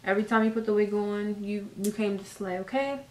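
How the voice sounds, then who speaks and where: A chatty hair tutorial vlogger with a mid-range voice and steady tone talks fairly quickly, filmed from across a room at home. Her casual how-to style is loose, with lots of fillers and slang, and the far-off camera mic gives a roomy sound.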